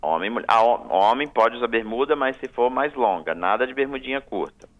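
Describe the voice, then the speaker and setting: A man's voice: mid-range voice, animated, brisk. A man, a guest on a radio talk show, giving firm, repetitive explanations of travel rules. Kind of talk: radio interview. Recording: tinny phone line on radio.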